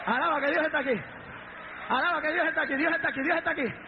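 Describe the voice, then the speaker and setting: High-pitched guy preaching hard, shouting aleluya, muffled lo-fi recording. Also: rapid-fire. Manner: fervent, shouting praise, dramatic storytelling. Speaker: pastor. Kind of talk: sermon. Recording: dull lo-fi recording with faint noise.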